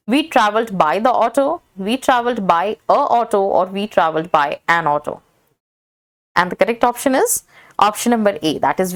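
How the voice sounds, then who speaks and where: A woman reading out exam practice questions as a teacher. She lists each set of options steadily and stresses the correct answer. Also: medium pitch.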